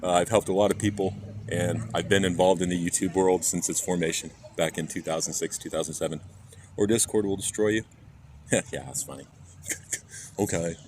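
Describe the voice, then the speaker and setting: Rambling streamer from Kansas, traffic behind. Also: male voice, deep voice, fairly even intonation, moderate pace, darkish tone, poor audio. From Kansas, USA. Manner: rambling, jokey, reads chat aloud. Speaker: IRL streamer. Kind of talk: casual rambling stream chat. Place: outdoors in a parking lot near traffic. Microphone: phone. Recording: phone recording with clear traffic noise outside.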